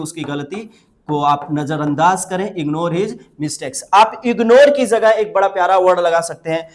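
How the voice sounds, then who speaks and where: A man teaching English phrases, explaining in Hindi, asking the listeners questions and repeating each English phrase slowly. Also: high voice. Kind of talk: spoken English lesson.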